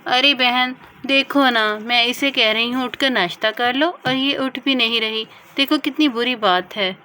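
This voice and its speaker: A woman puts on a young mother doll who coaxes and gently scolds her child. The voice is high and bright and unhurried. It is a homemade doll-play story. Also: a little hiss or hum. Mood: complaining. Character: fussing young mother doll, patient and coaxing.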